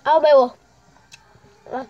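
A woman's voice: high-pitched, steady tone, very slow, muffled recording. A woman vlogging a mukbang in a casual, chatty way, gasping from spicy food. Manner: chatty, reacting to the heat. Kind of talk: casual eating vlog.

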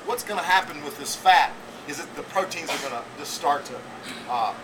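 A man in his forties demonstrates in a school teaching kitchen, rambling through his points and tagging them with "okay?". His voice sits a bit high and is picked up by a camera a few feet away, with a steady air-conditioning hum underneath. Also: normal speed, recorded from a distance. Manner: rambling, repetitive, checks in with "okay?". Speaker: culinary teacher. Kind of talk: classroom cooking demonstration. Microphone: camera mic from a few feet away.

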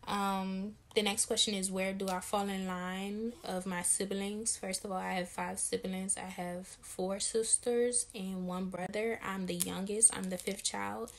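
A woman's voice: mid-range voice, little pitch movement, a little slow, gravelly, few pauses. Chatty young woman from Maryland. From Maryland, USA. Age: 20s. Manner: chatty, candid, slangy. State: tired. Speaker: vlogger and lash business owner. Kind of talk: casual Q&A vlog.

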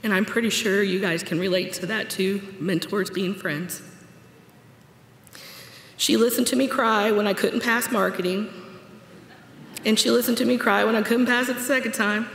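At the podium of a big auditorium stage, a woman in her 40s delivers a commencement address as the graduate speaker, reading from notes with earnestness, personal warmth, and light humor. She speaks at normal speed in a steady, mid-range, slightly bright voice with vocal fry and long pauses. Through the podium microphone there's slight background noise, and the echoey hall has a long reverb.

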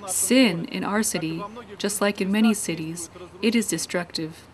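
Woman, voice-over narrator, earnest, measured, preaching tone, loud crowd noise behind. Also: medium pitch. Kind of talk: read church introduction voice-over.

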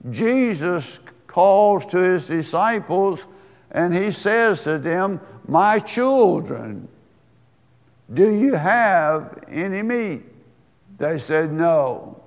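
A man preaching a sermon, telling a homely story in a slow, folksy way before turning to scripture. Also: sits high, animated, long reverb tail. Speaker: pastor.

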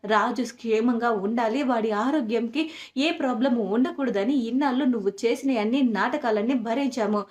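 Woman reading an angry protective mother, forceful, fairly high voice. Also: natural voice. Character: fierce protective middle-aged mother.

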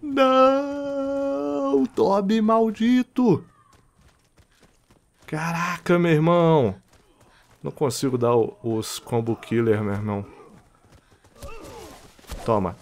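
A man with a Rio de Janeiro Brazilian accent giving casual, excitable gameplay commentary, taunting enemies and laughing as he plays. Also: medium pitch, a little slow, pauses often. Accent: Brazilian Portuguese, Rio de Janeiro. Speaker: gaming channel host.

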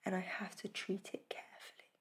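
A woman whispers her way through a role-play as a spa facial therapist, her voice soft and breathy and her manner gentle and reassuring. She speaks a little fast.

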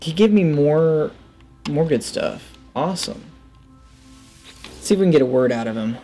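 Soft music plays behind a man in his thirties who hosts gaming videos, his mellow voice on the high side with lively intonation at a normal pace. He talks into a headset, musing as he plays and reading game text aloud in casual let's play fashion.

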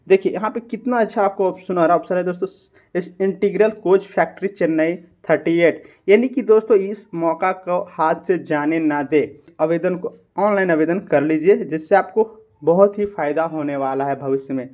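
High-voiced man guiding a screen tutorial. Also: moderate pace, darkish tone. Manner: repeatedly addresses viewers as friends, asks and answers own questions. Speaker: YouTube channel host. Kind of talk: screen-recorded tutorial voice-over.

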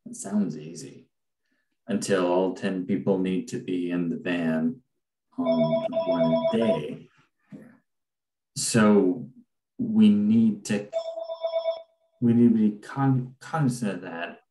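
A man's voice: sits low, extremely slow, long pauses, darkish tone, echoey room, rough recording. A man speaking casually in a video call meeting, thinking aloud and hedging.

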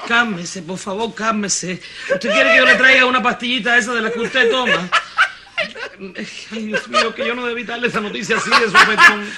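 Blunt, mocking Cuban housewife. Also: female voice, on the high side, sing-song, moderate pace, very noisy. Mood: mock concern. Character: blunt scornful middle-aged housewife, bossy. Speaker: sharp-tongued mother-in-law. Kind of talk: telenovela acting.

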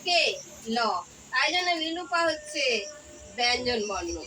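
A woman with a high-pitched voice leads a children's grammar class, asking question after question and echoing the answers. She sits well away from the mic. Crickets, insects and passing vehicles are clearly heard behind her. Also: sing-song, unhurried. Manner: drills with repeated questions to pupils. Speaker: tuition teacher. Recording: distant mic with outdoor noise.

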